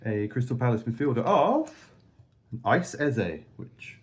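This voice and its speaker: A playful man co-hosting a card pack opening. His pitch swings around a lot as he calls out each card in a casual, bantering commentary. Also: very animated, takes it slowly, a little mellow. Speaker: co-host opening football card packs.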